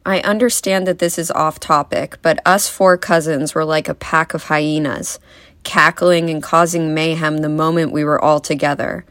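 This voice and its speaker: A young woman speaks at a memorial, delivering a eulogy full of wry, gently humorous stories. Her voice sits low for a woman. The sound is dry and close, with no room echo. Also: fairly even intonation, moderate pace. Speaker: granddaughter giving a eulogy. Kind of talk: eulogy speech.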